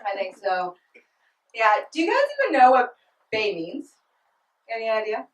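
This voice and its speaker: A woman's voice: fairly high pitch, expressive, moderate pace, heavy background noise. A young woman performing a stand-up comedy set in a small club, giggling and breaking into laughter mid-line. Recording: roomy club sound from a distant mic.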